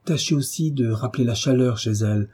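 A man voicing a calm, resolute tutor who gives steady commands, in a storybook reading. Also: mid-range voice, brisk, slightly rough.

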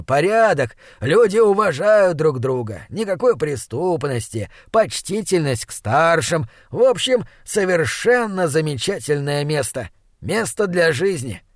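A man's voice: fairly high pitch, no room sound, clean studio sound. A man voicing a patronizing old town elder. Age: older. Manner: patronizing, coaxing. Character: elderly male town elder, smooth, condescending.

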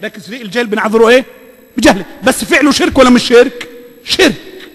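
An Egyptian man gives a sermon in a very high voice, stressing points by repeating them and quizzing the crowd for answers. His voice rings with a long reverb from the hall. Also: quick pace, a bit bright. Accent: Egyptian Arabic. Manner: emphatic, repeats phrases, quizzes the audience. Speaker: preacher.

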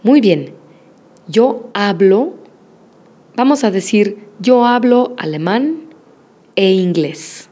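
A woman teaching a language lesson, modeling words slowly and praising the listener after each repetition. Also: medium pitch, expressive, dark tone. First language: Spanish. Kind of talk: slow, patient language lesson with repetition drills.

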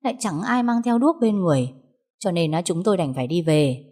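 A woman's voice: lowish voice, sing-song, brisk, dark tone. A woman voicing a young village man who urgently recounts a deadly tiger hunt.

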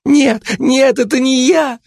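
A man's voice: high-pitched, big pitch swings, unhurried, creaky, no room sound, clean studio sound, pitched above the performer's own voice, heavily acted. A man voicing a timid, cowering man who whines and pleads in panic, in an audiobook. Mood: panicky. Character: timid cowering middle-aged man suspect. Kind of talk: audiobook character voice.

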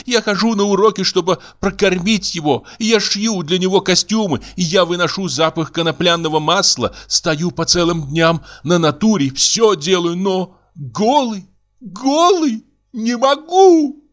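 A man's voice: high voice, moderate pace, few pauses, fairly bright tone, voice pushed up. A man voicing a tearful, stubborn German painter's wife who sobs her protests in an audiobook reading. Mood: distraught. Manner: wailing, sobbing protests.

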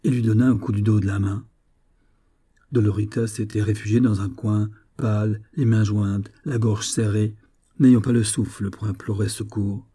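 A man narrating an audiobook story in a measured, expressive way. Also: on the low side, slightly rough.

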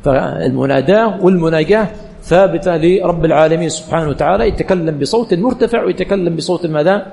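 A man's voice: a little high, fast talker, gravelly, darkish tone, in a large hall. A male religious teacher giving a classroom lecture, quizzing the students with questions that he answers himself and repeating key phrases.

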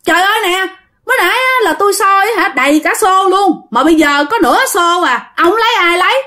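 A woman voicing a greedy rural man who catches frogs, loud and exclaiming. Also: a little high, expressive, fast. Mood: outraged.

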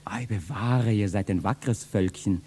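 An actor playing a bold, teasing young kitchen boy in a 1960s radio play, speaking classic verse with lively mockery. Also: on the low side, measured pace, breathy edge. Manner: lively, mocking, bursts into loud shouting.

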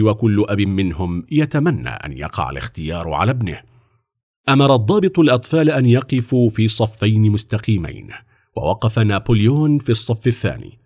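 A man narrating a children's story about a famous person's childhood in an expressive storytelling manner. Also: on the low side.

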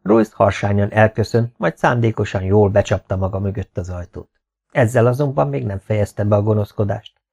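Gravelly-voiced male audiobook narrator. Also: lowish voice, a little mellow. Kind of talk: scripted narration.

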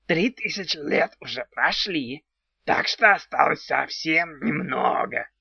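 An impish male house spirit from a storybook drawls his words slowly and strangely, always naming himself in the third person, as a man puts him on. His voice is gravelly and dry. The recording sounds dull and lo-fi. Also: on the high side, expressive, no room sound, full character voice. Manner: slow, odd, talks of himself in third person. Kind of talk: audiobook character voice.

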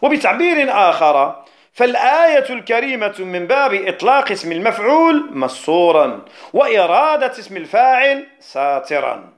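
A man, a jurist, explaining a classical poem on rhetoric in a recorded lesson, repeating key phrases and slowing down on technical terms. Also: high-pitched, very animated. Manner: slows down to stress technical terms. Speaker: Islamic jurist teaching rhetoric.

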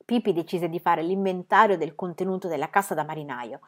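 A woman reading a children's book aloud in an expressive, lively storytelling manner. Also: on the low side, fairly quick.

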